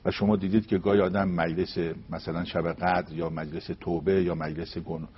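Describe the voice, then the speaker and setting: A man giving a religious talk, telling a story and reciting verses slowly and deliberately. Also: sits low, level tone, slightly rough, highs cut off. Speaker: religious speaker.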